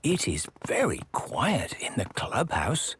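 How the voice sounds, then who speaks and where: British cartoon narrator, highly animated. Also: male voice, normal speed, slight background noise. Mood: cheerful, matter-of-fact. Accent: British English. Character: plain-spoken storytelling narrator of children's cartoon. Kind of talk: scripted narration of a preschool cartoon.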